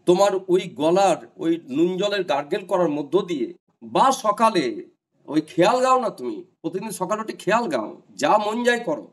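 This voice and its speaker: High-voiced man lecturing students earnestly. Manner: earnest, repetitive, addresses students directly with advice. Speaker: teacher advising job candidates. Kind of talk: online class lecture to students.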